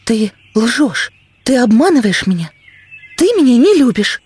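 A hurt young village girl pleads and reproaches in a high, breathy voice, as a male reader puts her on. The voice sits well above his own and sounds a little set back. This is storybook narration. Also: sing-song, measured pace, darkish tone, no echo, exaggerated voice. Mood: reproachful.

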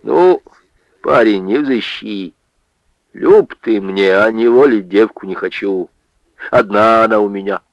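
A man voicing a gruff, kindly peasant father who is tipsy from a wedding. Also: on the low side, measured pace, dry recording, dull audio. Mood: rueful.

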